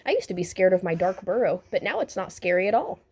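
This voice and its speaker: A woman voicing a gentle, kind young badger in a storybook. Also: mid-range voice, sing-song, fast, breathy edge.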